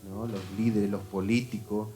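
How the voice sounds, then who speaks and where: Chatty man over soft guitar. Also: fairly low pitch, flat delivery, moderate pace. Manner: chatty, asks questions, repeats others' words. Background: guitar music.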